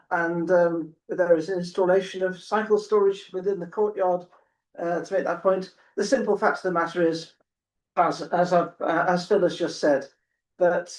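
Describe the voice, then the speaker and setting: A man speaking as a town councillor in a committee meeting, measured and somewhat apologetic, with restarts. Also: sits high, darkish tone, distant mic.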